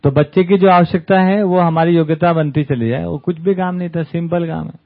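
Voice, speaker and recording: A man's voice: fairly high pitch, steady tone, brisk. Man lecturing over a tinny line. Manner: conversational, often adds "है ना?" tag questions. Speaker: camp speaker. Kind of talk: talk to a study group. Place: camp hall with an audience. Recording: tinny phone-like sound.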